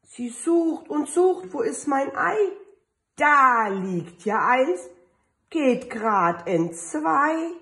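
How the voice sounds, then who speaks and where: A woman kindergarten teacher reading a picture book aloud to children, telling the story slowly with sing-song refrains. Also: sits high, big pitch swings, fairly bright tone.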